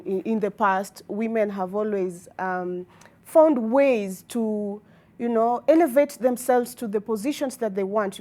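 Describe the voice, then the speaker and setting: A woman's voice: medium pitch, a little mellow. A woman with a Kenyan accent arguing her opinion as a TV debate panelist, emphatic and wordy, with formal vocabulary. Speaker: debate panelist on a TV talk show.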